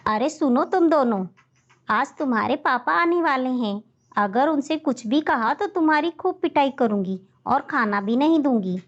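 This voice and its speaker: A woman's voice: high-pitched, lively intonation, normal speed. A woman voicing a bossy, cruel crow stepmother in a children's cartoon story, scolding and threatening like a wicked stepmother. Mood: menacing. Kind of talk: animated children's story voice acting. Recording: dull lo-fi audio.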